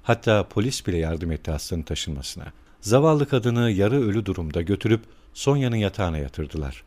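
Male narrator, audiobook, low pitch, mellow tone, measured reading. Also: sing-song. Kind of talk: scripted narration.

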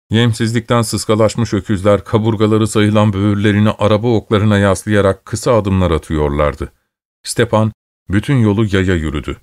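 A man reading a novel aloud in steady, measured audiobook narration. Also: on the low side, dry recording, studio quality.

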